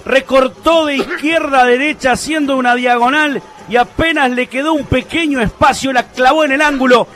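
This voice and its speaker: Very high-pitched male football pundit. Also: normal speed, fairly bright tone. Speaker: football co-commentator. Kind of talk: live radio match commentary.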